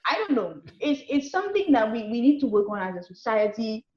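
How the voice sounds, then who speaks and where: A woman's voice: fairly high pitch, sing-song, a little fast, echoey room, highs cut off. A woman from Lucia, a guest speaking candidly in casual conversation and often laughing. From Saint Lucia.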